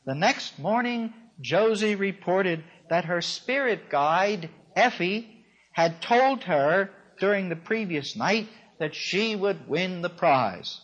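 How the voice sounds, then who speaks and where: A man lecturing in a wry storytelling manner. His voice sits high and swings widely up and down as he unfolds an account with dry amusement. The recording is dull and lo-fi. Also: a bit bright, slightly rough.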